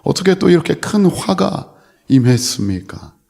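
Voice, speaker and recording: A man voicing excited village folk who exclaim and fuss loudly to an old man. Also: fairly high pitch, normal speed, vocal fry, breathy edge, voice pushed up, exaggerated voice. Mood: fretful exclaiming. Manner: fretful, exclaiming.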